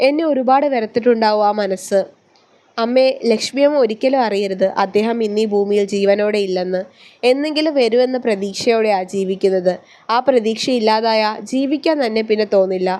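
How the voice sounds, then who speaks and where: A woman voicing a firm, protective young husband in a read-aloud story, speaking calmly and steadily. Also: on the high side, a little fast, natural voice.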